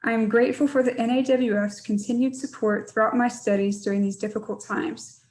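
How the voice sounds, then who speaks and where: A young woman from Georgia, a PhD student, giving a measured, prepared scholarship talk. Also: on the high side, fairly even intonation, darkish tone, low-quality recording. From Georgia, USA.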